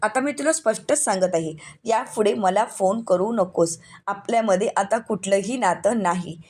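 A woman's voice: mid-range voice, normal speed, darkish tone, lightly acted. A woman reading the part of a scheming young woman who sweet-talks her lover on the phone, in a coaxing, pleading manner. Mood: angry.

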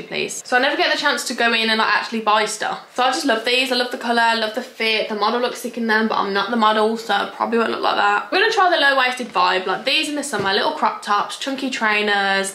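A woman's voice: a little high, quick pace, few pauses, pushed and bright. A young woman chatting through a clothing try-on haul vlog, bubbly and gushing with casual slang. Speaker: fashion vlogger. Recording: echoey room, faint hiss.

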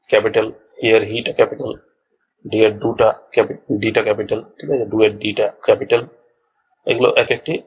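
Patiently explaining a basic grammar lesson point by point, a man with a fairly low, slightly rough voice keeps checking on his students with words like "all right" and repeats what matters. The recording, made on a small clip-on mic, is low quality.

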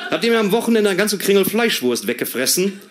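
A man's voice: high voice, big pitch swings, fast talker, background noise, voice pushed up. A man voicing his curt, bossy older mother, who gives orders in clipped phrases over the phone. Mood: demanding. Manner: clipped, commanding.

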